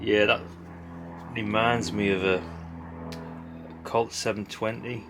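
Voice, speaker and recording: Music plays in the background while a middle-aged man with a lowish, flat voice takes his time speaking. As a hobbyist video host, he gives casual, unscripted commentary on the old parts he's sorting, chatty, rambling and blunt, with mild swearing and tag questions.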